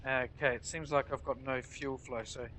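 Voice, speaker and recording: Guy w a stuffy nose from a cold, bright nasal voice, casually talking thru flight sim gameplay. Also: medium pitch, steady tone, normal speed, a little hiss or hum. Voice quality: nasal, congested. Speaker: flight sim player narrating a tutorial. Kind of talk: casual explanatory gameplay commentary.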